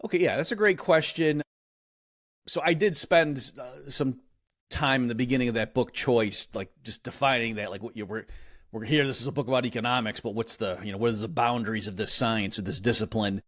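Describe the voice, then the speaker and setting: An economist guest being interviewed explains ideas in a casual, conversational way, full of fillers and restarts. His mid-range voice is fairly bright in tone, and he speaks fairly quickly.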